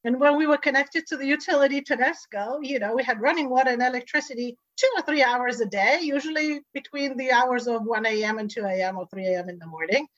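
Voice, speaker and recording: Bulgarian-born woman guest on a video call, kinda muffled and dry, lively storyteller. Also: sits high, quick pace, few pauses, no room sound. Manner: animated storytelling, laughs often. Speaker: guest, energy board chair. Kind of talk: interview conversation.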